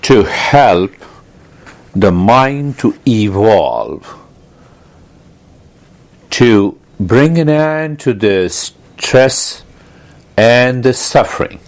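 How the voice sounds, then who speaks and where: An animated man with a mid-range voice walks listeners through a guided meditation. He explains each step deliberately, repeats central phrases and puts questions to his listeners.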